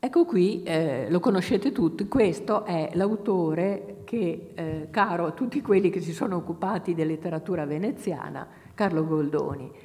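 A woman from Italy gives an academic lecture in a low, mellow voice, pausing often with fillers as she gathers her thoughts. Her words ring with long reverb from a lecture hall. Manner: hesitant, many fillers, reads quotations aloud. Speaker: university lecturer.

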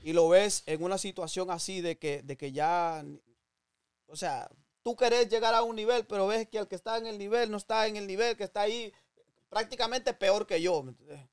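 A man chats as a podcast guest, relaxed and often checking that he is understood. His voice is high for a man and smooth, with a dry, close sound. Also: moderate pace, no room sound. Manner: relaxed, keeps asking "you know?". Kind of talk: casual podcast conversation.

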